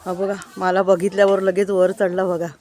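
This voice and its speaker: A woman's voice: medium pitch, little pitch movement, normal speed, darkish tone. Chatty village woman. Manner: chatty, keeps pointing things out to viewers. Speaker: village vlogger. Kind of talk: casual walking-tour vlog. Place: outdoors around a village house and yard.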